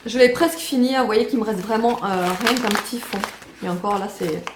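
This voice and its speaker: A woman's voice: medium pitch, a little fast, reverberant, noisy background. A woman chatting casually to the camera in a home vlog, full of fillers and restarts. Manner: chatty, many fillers and restarts, fond baby talk to pets and baby. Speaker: family vlogger.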